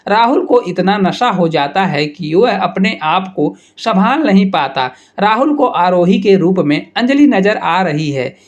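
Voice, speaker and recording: A man narrating a scripted love story at a steady, even reading pace. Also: sits high, unhurried, few pauses, lo-fi sound.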